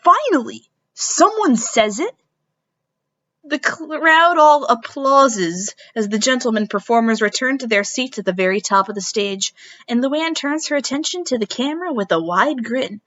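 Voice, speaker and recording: Woman narrator, theatrical informal story reading, fairly high voice, slightly dull lo-fi recording. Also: expressive, measured pace, fairly bright tone, dry recording. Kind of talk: dramatic reading of a fan story.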